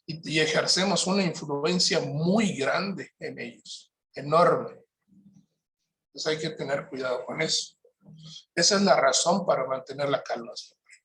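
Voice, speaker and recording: A man presenting a parenting workshop, explaining points in a calm, measured way and often checking in with his listeners. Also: fairly high pitch.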